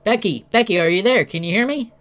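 A man's voice: sits high, quick pace, a bit bright, slight background noise. A man playing a folksy news anchor. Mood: announcing. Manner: newsreader cadence with casual asides. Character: male radio news anchor, earnest and folksy.

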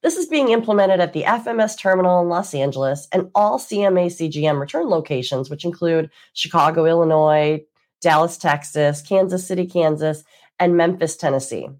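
A woman's voice: lowish voice, a little fast, a little mellow. A woman with a congested, stuffy-nosed voice, hosting a weekly news breakdown as an attorney in a conversational, emphatic way. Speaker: host, maritime attorney.

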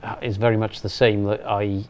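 A man's voice: on the low side, flat delivery, normal speed. A middle-aged man in a casual conversation, speaking hesitantly with many restarts. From South Wales. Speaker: chief engineer and interviewer.

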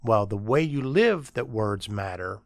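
A man's voice: lowish voice, lively intonation, measured pace, vocal fry, no echo. Dry, conversational middle-aged man. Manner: conversational, anecdotal, with fillers and asides. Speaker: podcast host and agency CEO. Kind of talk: casual storytelling monologue.

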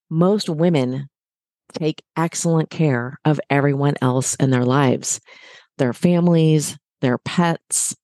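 Middle-aged woman from the US, fitness guest; low mellow voice, dry close sound, upbeat coaching tone. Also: no room sound. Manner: encouraging, direct to listeners. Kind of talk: motivational podcast talk.

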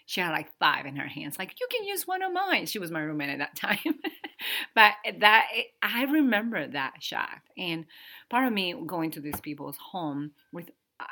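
Cohosting a relaxed podcast chat, this woman in her thirties from the Dominican Republic speaks English as a second language, Spanish being her first, with a Dominican Spanish accent. Her voice is low yet bright with a forceful edge. She halts often to search for words and laughs easily.

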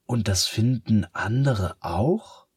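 A man voicing a sad, weary sun that talks slowly and sighs, in a children's storybook. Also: on the low side, animated, a little mellow, breathy edge, no echo, studio quality, voice pushed up, full character voice. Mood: downcast, slow. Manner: slow, sighing, downcast.

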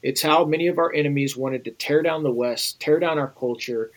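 A man's voice: a little high, brisk, poor audio. Urgent, earnest American man. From United States. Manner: earnest, urgent, addresses listeners directly. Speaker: guest. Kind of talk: podcast interview.

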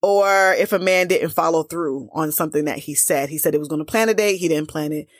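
Blunt, low-voiced woman dating coach. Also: a little fast, no room sound, studio quality. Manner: blunt and emphatic, with casual slang. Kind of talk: direct-to-camera coaching talk.

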